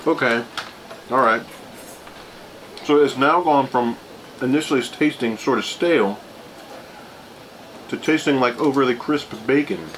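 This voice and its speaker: Guy doing a casual food review, thinks out loud and rambles, bit of room noise behind him. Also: mid-range voice, unhurried, pauses often. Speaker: food reviewer hosting a taste test. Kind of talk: casual chat, taste-test review. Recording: clearly noisy room ambience.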